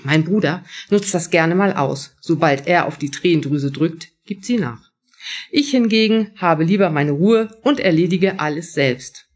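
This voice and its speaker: A woman's voice: fairly low pitch, lively intonation, unhurried. A woman author reading first-person prose from her own novel at a live event.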